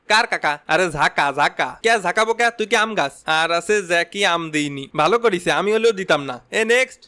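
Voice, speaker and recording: Male sketch comic with a bright, high voice, trading quickfire squabbling punchlines. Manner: rapid, quarrelsome comic banter with punning name jokes. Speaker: comedy sketch performer. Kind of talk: comic sketch, switching between bickering characters.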